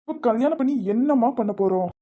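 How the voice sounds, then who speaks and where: A woman voicing a caring, earnest young man in love in a cartoon, speaking gently with a Kanyakumari Tamil accent. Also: on the high side, expressive, quick pace, highs cut off. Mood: pleading. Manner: gentle, reassuring, soft-spoken. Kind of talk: cartoon voice acting.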